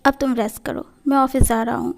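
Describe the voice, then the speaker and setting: A man's voice: very high voice, level tone, fairly quick, gravelly, a little hiss or hum. A woman voicing a curt, easily irritated young man in a read-aloud fan story. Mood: stern. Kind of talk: storytelling in a fan fiction reading.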